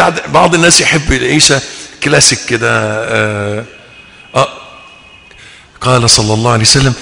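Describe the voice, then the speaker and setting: A man with an Egyptian Arabic accent preaching a sermon, acting out people's wishes and shouting at times. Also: mid-range voice, gravelly. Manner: animated, acts out listeners' wishes, shouts at times. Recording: long hall reverb.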